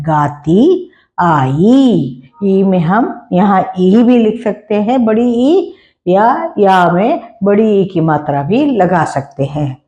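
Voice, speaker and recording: A woman's voice: on the low side, mellow. A woman teaching a Hindi lesson, stretching out words syllable by syllable as she spells them. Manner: slow, drawn-out syllable-by-syllable spelling. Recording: dull lo-fi recording.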